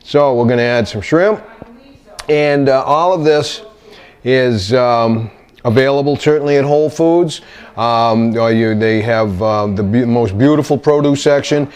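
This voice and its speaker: In his home kitchen, a cooking show host walks through a recipe without a script, his delivery halting and wandering as he hunts for the right words. His voice is mid-range, a little mellow, clear and resonant.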